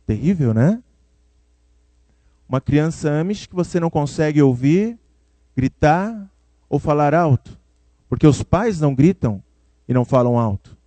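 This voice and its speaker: A man preaching a sermon with a Brazilian Portuguese accent, talking to the congregation like a friend and calling some of them by name. His voice sits a little high for a man, and the recording is dry and close. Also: expressive, a little slow, pauses often, mellow, dry recording. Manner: conversational, addresses listeners by name, acts out quoted voices.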